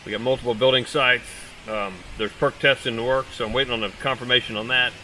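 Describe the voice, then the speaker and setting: Speaking fast in a steady, medium-pitched voice that sounds pushed and bright, a middle-aged real estate agent walks viewers through a wooded lot near a creek. His tone is upbeat and informal, like a salesman. Distant outdoor camera audio carries guitar music and a little hiss or hum.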